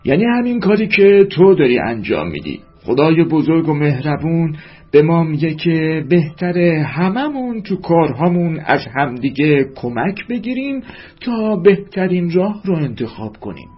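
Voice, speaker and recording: A man doing a loud, hearty father. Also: fairly high pitch, very animated, breathy edge, pitched above the performer's own voice. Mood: teaching. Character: proud, warm father of two girls. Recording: dull lo-fi with faint music.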